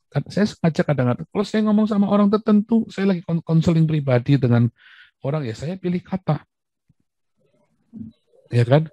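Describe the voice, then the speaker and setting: A man's voice: a little high, warm tone, no echo. A man hosting a live video-call discussion, emphatic and lecturing, often repeating himself. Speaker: livestream host.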